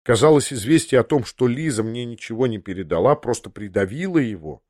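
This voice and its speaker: A man narrating a classic novel in the first person, with a measured, literary reading. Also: medium pitch, animated, a little mellow, no echo, clean studio sound. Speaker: audiobook narrator.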